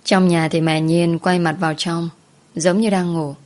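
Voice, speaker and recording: Low-voiced woman telling a story. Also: a little slow. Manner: soft, even storytelling, voicing every character herself. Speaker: narrator. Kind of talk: storytelling narration with acted dialogue.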